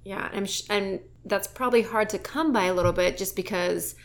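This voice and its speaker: A woman's voice: mid-range voice, brisk. A woman from Barbados, a guest speaking candidly and chattily in a casual conversation.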